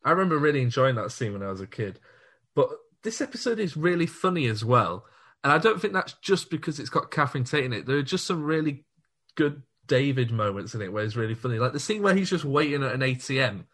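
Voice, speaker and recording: A man's voice: mid-range voice, sing-song, quick pace, fairly bright tone. A man co-hosting a podcast, chatting casually and enthusiastically, laughing easily. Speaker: podcast co-host. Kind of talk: casual chat.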